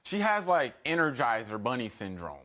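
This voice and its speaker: A man's voice: mid-range voice, sing-song, normal speed. A man testifying as a litigant in a TV court, protesting in a rambling, repetitive way and acting out quotes. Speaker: husband, litigant in TV divorce court. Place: TV courtroom studio. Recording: TV courtroom with faint noise.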